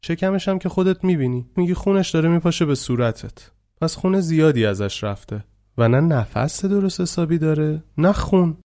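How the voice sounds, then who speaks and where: A man's voice: fairly high pitch, animated, dark tone, pitched above the performer's own voice, close to an everyday voice. A man voicing a detached, matter-of-fact male ambulance medic. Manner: detached, clinical.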